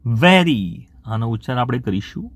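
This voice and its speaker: A man's voice: mid-range voice, very animated, no echo, clean studio sound. A male teacher with a Gujarati accent running a beginner English vocabulary lesson. He says each word aloud several times and counts down the practice time. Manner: repeats each word slowly and loudly, counts down.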